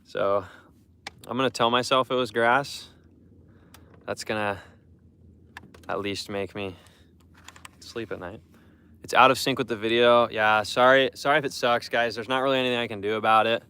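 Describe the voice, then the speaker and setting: A man's voice: mid-range voice, steady tone, moderate pace, long pauses, bright, forceful tone, clear, resonant tone. A young man chatting casually to his live stream viewers while fishing from a boat on a lake, rambling and repeating himself. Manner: rambling, repeats words, talks to chat.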